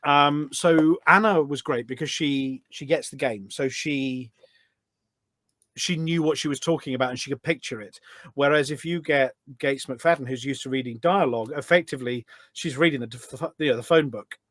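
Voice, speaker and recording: This podcast guest, a producer of game voice packs, talks casually at normal speed in a medium, slightly bright voice, rambling enthusiastically through anecdote after anecdote. The recording is dry.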